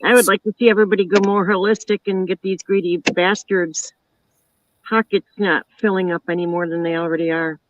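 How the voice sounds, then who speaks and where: A woman's voice: fairly low pitch, steady tone, fairly quick, lo-fi sound, slight background noise. A woman hosting a live online talk show, chatting casually and rambling with lots of "you know" and "like". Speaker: host.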